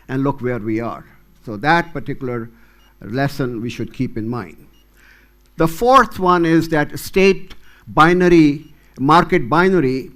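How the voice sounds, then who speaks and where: Older man presenting at a conference panel. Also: mid-range voice. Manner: deliberate, stressing key words.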